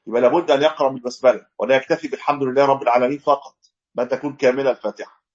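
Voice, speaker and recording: Sheikh teaching, lo-fi recording. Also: male voice, medium pitch, steady tone, rapid-fire, darkish tone. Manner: explains step by step, demonstrating correct recitation. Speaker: sheikh teaching a fiqh text. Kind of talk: religious lesson.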